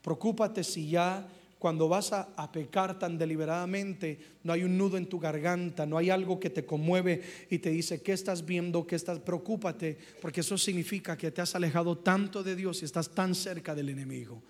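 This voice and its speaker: A young man preaching a sermon as pastor, swinging from hushed passages to loud ones and calling out for replies from his congregation. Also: sits high, fairly even intonation, normal speed.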